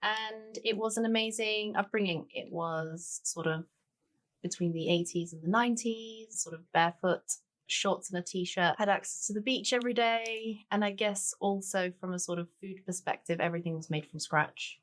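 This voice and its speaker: This Danish-born woman in her forties, who grew up in Tanzania, is a guest chef and cookbook author chatting easily in a relaxed interview. Her voice is mid-range and her pace moderate, and her talk is full of "sort of" and "you know."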